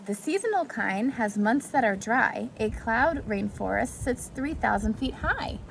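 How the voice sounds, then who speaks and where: Speaking at a measured pace with lively intonation and fairly high pitch, a woman gives preschoolers a sing-song reading of a rhyming picture book. Short asides break up the storytime, and the amateur recording is clearly noisy.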